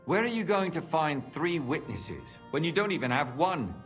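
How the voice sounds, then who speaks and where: A man's voice: on the high side, very animated, moderate pace, a bit bright. A worried conspirator in a period game. His voice is blunt and sceptical, rising and falling widely, with faint music beneath. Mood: doubtful. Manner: doubtful, blunt. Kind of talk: video game dialogue acting.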